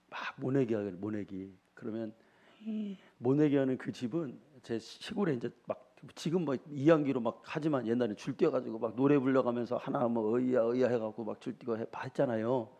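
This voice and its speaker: A middle-aged pastor preaches a sermon in a folksy way, telling homely stories and frequently putting questions to the congregation. His voice is mid-range with a dark tone.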